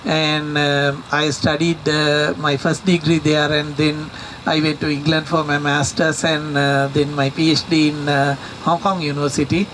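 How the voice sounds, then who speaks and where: A middle-aged man from Sri Lanka, a university researcher giving a talk to a community audience, speaking haltingly with many fillers and repeated words. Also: on the high side, flat delivery, a bit bright, a little hiss or hum, poor audio.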